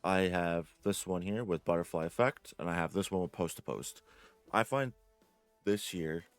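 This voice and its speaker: A man's voice: sits low, normal speed, clear, resonant tone, dry recording, soft background music. A man giving a casual, rambling game tutorial from home, often correcting himself and filling gaps with "like" and "uh". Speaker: gaming guide creator. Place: home room.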